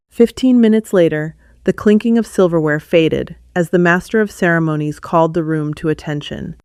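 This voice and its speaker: Low, smooth-voiced woman narrating a story. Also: darkish tone, dry recording, clean studio sound. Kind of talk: scripted first-person story narration.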